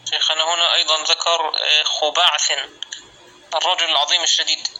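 A man's voice: fairly high pitch, level tone, quick pace, bright, forceful tone, low-quality recording. A male student in a classical Arabic class, speaking respectfully to his teacher. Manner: deferential, calls teacher "sheikh". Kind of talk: question in class.

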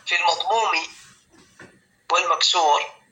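A man teaching a grammar lesson to students, patiently repeating words slowly and stopping to check whether they understand. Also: on the high side, steady tone, sharp tone, dull audio. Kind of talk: explanatory classroom lesson.

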